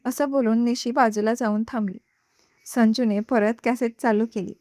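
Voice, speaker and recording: A woman's voice: on the high side, steady tone, moderate pace, mellow, no room sound, studio quality. Woman narrating a serial love story. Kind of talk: narrated Marathi serial story, voicing all characters.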